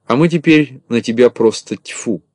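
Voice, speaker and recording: A man voicing a pushy little shorty who keeps shouting in a storybook reading. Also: medium pitch, normal speed, no echo, studio quality, close to an everyday voice.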